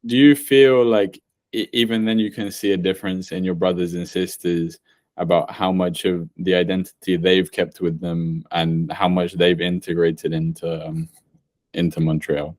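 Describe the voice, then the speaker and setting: A man's voice: low voice, fairly even intonation, moderate pace, a little mellow, no room sound. A man hosting a podcast, asking hesitant interview questions with some fillers. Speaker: podcast host.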